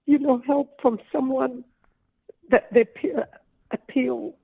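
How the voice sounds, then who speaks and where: Heartfelt woman with a creaky phone-line voice. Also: high voice, steady tone, slow, no echo. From Lebanon. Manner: earnest, heartfelt, hesitant fillers. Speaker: author guest. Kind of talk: phone interview. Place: her home. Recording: tinny dry phone line.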